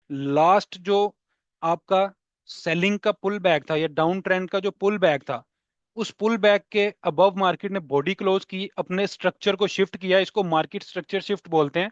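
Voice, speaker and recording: A man walks through trading charts in a fairly high voice, repeating key points and checking that his listeners follow. The recording is dry and a little dull, with no room sound. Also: no echo. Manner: explanatory, repeats key points, mixes English terms, checks in with "theek hai". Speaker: trading instructor. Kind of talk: explaining charts in a lesson.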